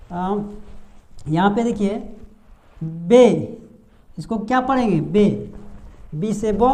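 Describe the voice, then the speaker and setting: A woman teaching a pronunciation lesson patiently and step by step, pausing on drawn-out fillers and asking the class rhetorical questions. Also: on the high side, mellow. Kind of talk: blackboard-style lesson explanation.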